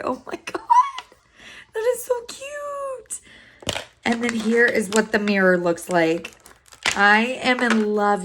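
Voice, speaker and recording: Bubbly woman gushing over makeup. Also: mid-range voice. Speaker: beauty vlogger. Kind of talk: makeup unboxing and tutorial.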